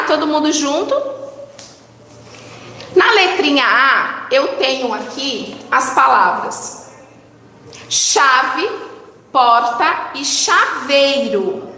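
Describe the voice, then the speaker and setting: Woman teacher, high voice, slow patient child-directed delivery, echoey room. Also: pushed and bright. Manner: slow, drawn-out syllables, coaxing questions to children. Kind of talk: children's lesson, slow and sing-song. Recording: echoey room with long reverb.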